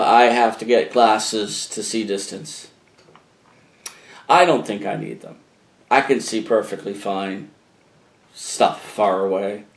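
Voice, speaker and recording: Rambling man with New England accent. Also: lowish voice. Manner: rambling, chatty, with many fillers and asides. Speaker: musician video blogger. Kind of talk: casual talk to camera. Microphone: camcorder microphone. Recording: roomy echoey room.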